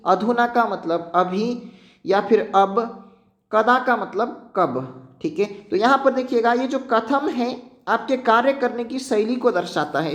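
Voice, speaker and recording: Frequently checking on his students and telling them to keep certain points in mind, a man leads an exam-prep lesson in a voice that sits high.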